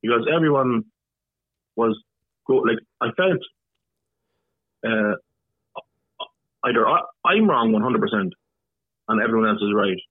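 A man's voice: on the low side, animated, measured pace, pauses often, breathy edge, dry recording. A man with an Irish accent, a podcast guest talking bluntly in casual conversation, swearing now and then. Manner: blunt, swears, repeats words. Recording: tinny phone-line sound.

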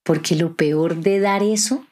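A woman's voice: fairly low pitch, a little slow, a little mellow. A woman, hosting a reflective podcast monologue and asking her listeners rhetorical questions. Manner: conversational, preachy, asks listeners rhetorical questions. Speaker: podcast host.

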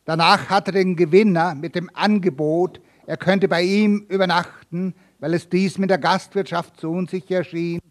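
A harsh old-time judge interrogates in a loud, cutting tone, sneering at every answer. A man reading a story aloud gives him this voice, pitched a little high and pressed hard. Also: steady tone, moderate pace, few pauses. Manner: cold, threatening, mocking. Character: stern, scornful male village judge.

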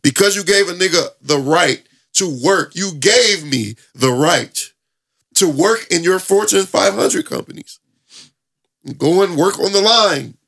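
A man hosting a casual talk show, reacting to a video with animated, profane commentary and acting out quotes. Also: sits high, measured pace, gravelly. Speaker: host.

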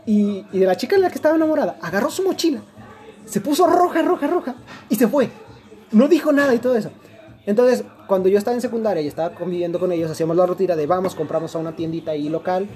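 A man's voice: sits high, dark tone. A young man with a Mexican accent telling a long personal story in a casual chat, slangy and rambling, with many restarts.

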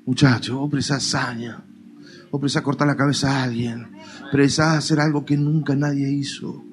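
A male pastor with an Argentine Spanish accent, preaching a lively, colloquial sermon with playful mock dialogues. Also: mid-range voice, fairly quick. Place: church.

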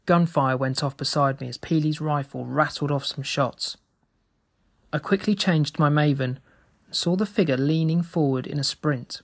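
Man reading a story, slightly higher voice. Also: moderate pace. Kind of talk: first-person story narration.

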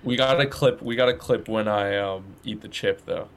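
A man's voice: fairly low pitch, normal speed, fairly bright tone, a little hiss or hum. A man co-hosting a casual sports podcast, eager and chatty, repeating and restarting phrases and laughing often. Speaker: podcast co-host. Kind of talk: casual chat. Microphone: video call.

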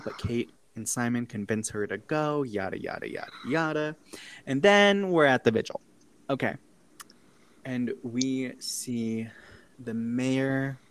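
A man's voice: medium pitch, slight background noise, low-quality recording. A man casually recapping a horror film with a co-host, swearing often and laughing between lines. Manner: animated, profane, laughs often. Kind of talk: casual chat, recapping a movie.

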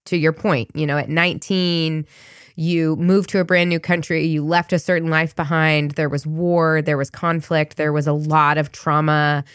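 Low-voiced woman podcast host. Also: no echo, clean studio sound. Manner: curious, thoughtful, rambling questions. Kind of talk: interview conversation.

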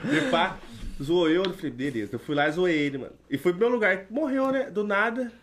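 A man's voice: sits high, expressive, a little fast, fairly bright tone, a little hiss or hum. A young Brazilian man with a Brazilian accent, telling a school story in slangy, jokey, defensive banter on a casual podcast. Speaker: podcast guest. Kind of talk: casual storytelling among friends.

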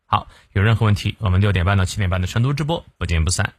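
A man teaching English phrases on a morning lesson podcast. His voice swings up and down with animated energy. The recording is close and dry, with no room sound. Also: fairly low pitch, no room sound. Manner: lively, slows down to model English phrases.

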